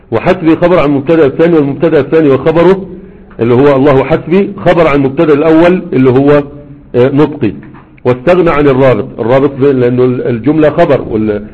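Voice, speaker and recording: Talking fast in a high-leaning, breathy voice, this man teaches grammar with an Egyptian Arabic accent. He goes over explanations again and again and tosses rhetorical questions at students, all through tinny, phone-like audio.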